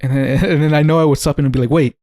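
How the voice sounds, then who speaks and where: A man's voice: on the high side, fairly even intonation, fast, dark tone, no echo, studio quality. A man co-hosting a podcast in casual chat, joking, laughing often and swearing freely. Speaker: podcast co-host.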